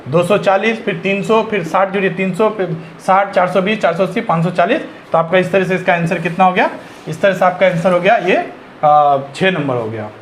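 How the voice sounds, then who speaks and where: Man, higher-pitched, teaching an exam-prep maths lesson. Faint background hiss. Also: brisk. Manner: works through sums step by step, asks and answers himself.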